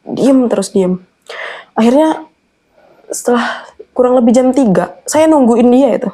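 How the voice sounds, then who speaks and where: A woman's voice: on the high side, animated, unhurried, warm tone. A young adult woman telling a personal horror story in an earnest, anxious way. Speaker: guest storyteller.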